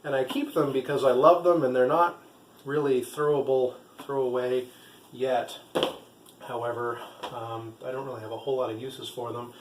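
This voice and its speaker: A man's voice: mid-range voice, fairly even intonation, moderate pace. Man, casual review in an echoey room. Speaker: vlogger and trail runner. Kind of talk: casual product review to camera. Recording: echoey room with faint background noise.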